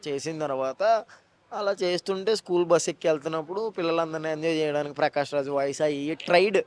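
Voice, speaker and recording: A man, an actor and mimicry artist, telling stories fast in a casual interview with joking asides. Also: fairly high pitch.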